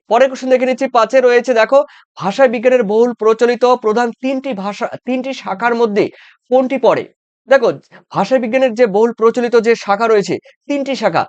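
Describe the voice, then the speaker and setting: Man, very high voice, smooth, dry dull recording, repeats himself, checks in often. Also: dry recording. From West Bengal. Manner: repetitive, coaxing with frequent check-ins and fillers. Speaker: teacher. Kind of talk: exam-prep lesson.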